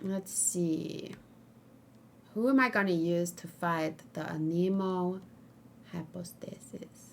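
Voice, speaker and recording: Her voice is on the low side and gravelly as this woman streams a video game, speaking slowly with frequent pauses. She casually thinks aloud and chats with viewers, and there's slight background noise.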